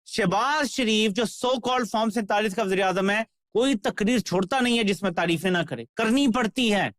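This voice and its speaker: A man's voice: high voice, moderate pace, fairly bright tone, dry recording, studio quality. A man giving sarcastic political commentary.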